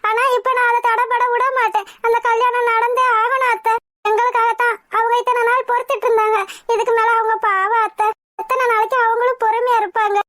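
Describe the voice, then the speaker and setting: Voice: very high-pitched, level tone, a little fast, sharp tone, dry recording. An anxious young cartoon wife. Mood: pleading. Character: worried young pregnant wife. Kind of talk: cartoon voice acting.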